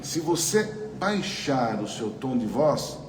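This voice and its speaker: A man's voice: mid-range voice, very animated, slow pace. A man with a Brazilian Portuguese accent leading a spiritual study group, talking conversationally into a microphone and often asking the room questions. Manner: chatty, asks the audience questions, frequent tag questions. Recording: roomy hall with faint noise.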